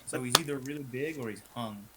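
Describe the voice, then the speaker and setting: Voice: medium pitch, fast, noisy background. A player chatting casually and playing along in a tabletop game. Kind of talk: casual chat.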